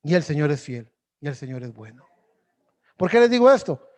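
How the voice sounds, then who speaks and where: A male pastor preaching a sermon, swinging from loud exhortation to hushed prayer. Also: on the high side, very animated, brisk, in a large hall. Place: church sanctuary.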